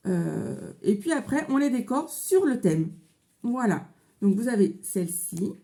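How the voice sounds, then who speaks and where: A woman with a mellow, slightly high voice and a French accent chats through a craft tutorial. She talks casually, with plenty of fillers, recorded in a home office. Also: sing-song, unhurried, vocal fry. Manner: chatty, with frequent fillers. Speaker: crafting vlogger.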